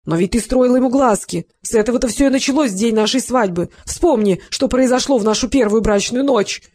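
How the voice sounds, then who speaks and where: A reader voicing a hot-tempered, jealous husband who pleads loudly with his wife. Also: mid-range voice, brisk, pitched above the performer's own voice, lightly acted. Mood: pleading. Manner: loud and pleading, emotional.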